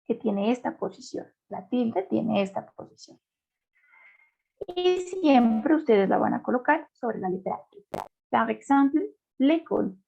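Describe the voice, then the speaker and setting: A woman with a gravelly, fairly high voice teaches a beginner French class, patiently repeating words for her students to drill. The recording has a dull, lo-fi sound.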